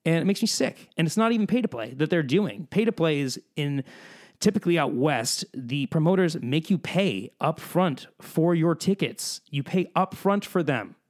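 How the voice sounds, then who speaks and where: A man hosting his own solo podcast, a musician ranting bluntly about the music business and then softening into reassurance. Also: a little high, lively intonation, normal speed. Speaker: podcast host.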